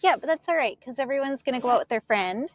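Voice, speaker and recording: A young adult woman co-hosting a casual live stream from a dock on a lake, chatty and quick to laugh. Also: sits high, expressive, a little hiss or hum. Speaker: co-host presenting paddleboards. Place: outdoors on a floating dock on a lake.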